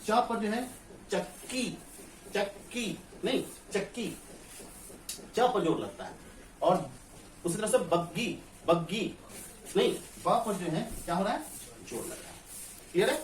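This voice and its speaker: A man's voice: high-pitched, sing-song, moderate pace, pauses often, slight background noise. A male teacher gives a grammar lesson in a classroom. He asks the class questions, answers them himself and keeps checking that everyone understands. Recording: echoey room, far from the mic, faint ambience.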